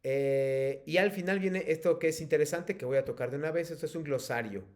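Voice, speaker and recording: A man with a Mexican accent, a teacher explaining patiently to his students in an online class, often pausing with fillers. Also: on the high side. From State of Mexico.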